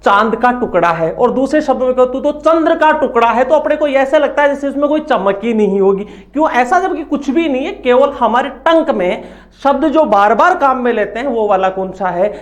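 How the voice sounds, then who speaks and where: A man's voice: extremely high pitch, lively intonation, a little fast. A man teaching a grammar lesson from slides. He asks questions and answers them himself, and has the class repeat words after him.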